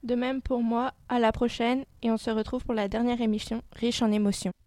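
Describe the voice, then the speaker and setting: A woman's voice: fairly high pitch, flat delivery, a little fast, darkish tone, no room sound. A young woman presenting a semi-scripted radio report.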